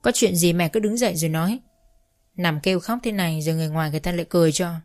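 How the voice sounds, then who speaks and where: A woman voicing a grown husband who reasons in a measured, reproachful way. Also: fairly low pitch, darkish tone, lightly acted.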